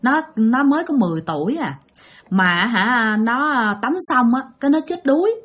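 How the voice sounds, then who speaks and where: A woman telling a ghost story in an animated, chatty way, addressing her listeners. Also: fairly high pitch, moderate pace.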